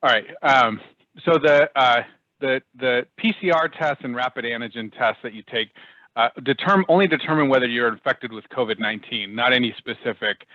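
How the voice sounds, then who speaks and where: Man, mid-pitch, halting explainer with lots of restarts, dry muffled call audio. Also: no room sound. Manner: halting, many restarts and fillers. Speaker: public health speaker. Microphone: video call.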